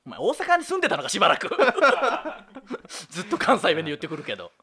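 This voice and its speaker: Male radio co-host, bright and sharp, fast-talking, scolding retorts. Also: high-pitched, wildly swooping pitch. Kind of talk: comedic radio banter.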